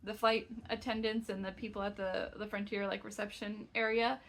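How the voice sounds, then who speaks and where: A woman's voice: mid-range voice, level tone, moderate pace, creaky, a bit bright. Chatty, exasperated young woman vlogger. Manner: chatty, exasperated, frequent "like" fillers. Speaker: crochet vlogger. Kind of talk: casual storytelling vlog.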